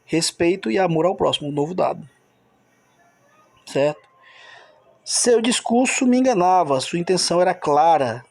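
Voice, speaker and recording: A man's voice: high-pitched, animated, normal speed, creaky, long pauses, a little mellow, no room sound. A man teaching a recorded grammar lesson, explaining step by step and checking in with the listener.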